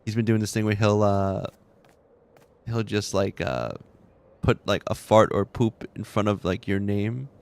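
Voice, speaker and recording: Chatting casually with viewers while gaming from his room at home, a man tells rambling anecdotes, laughing and restarting often. He has a lowish, creaky voice and a measured pace.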